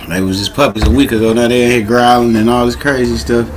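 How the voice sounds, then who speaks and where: A man's voice: mid-range voice, little pitch movement, fast talker, background noise. A man casually hosting a late-night livestream, talking in slang and repeating his greetings over and over to the chat. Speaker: livestream host. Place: home, late at night, dogs nearby.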